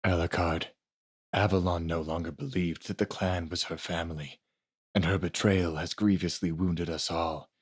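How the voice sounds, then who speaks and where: A man reading an audiobook, voicing a grave middle-aged assassin mentor who speaks in a measured, stern and fatherly way. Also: deep voice, fairly even intonation, breathy edge, no room sound, studio quality. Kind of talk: audiobook character voice.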